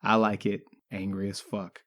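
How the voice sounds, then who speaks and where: A man's voice: on the low side, level tone, a little slow. A man in his thirties co-hosting a podcast, chatting casually and teasing with frequent laughs. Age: 30s. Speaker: podcast co-host.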